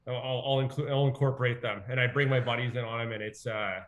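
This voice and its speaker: A man's voice: mid-range voice, steady tone. A young man who is a podcast guest, talking casually with many restarts. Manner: halting, with many restarts and fillers. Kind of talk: casual chat.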